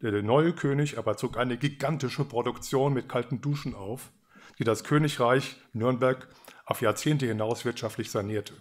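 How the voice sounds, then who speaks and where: A man's voice: medium pitch, moderate pace. Man dryly reading his own fairy tale. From Germany. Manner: dry, ironic storytelling.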